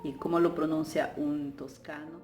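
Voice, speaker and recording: Low-voiced Peruvian woman vlogging. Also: flat delivery, normal speed, a little mellow. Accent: Peruvian Spanish. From Peru. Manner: chatty, many fillers and restarts, laughs often. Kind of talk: casual advice vlog. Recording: echoey room with faint music.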